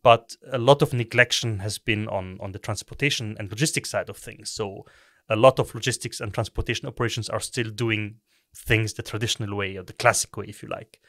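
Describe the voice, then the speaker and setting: A middle-aged man from Egypt, a company co-founder, giving measured explanations as a podcast guest with frequent restarts. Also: fairly low pitch, steady tone, a bit bright, no room sound, studio quality. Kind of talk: podcast interview.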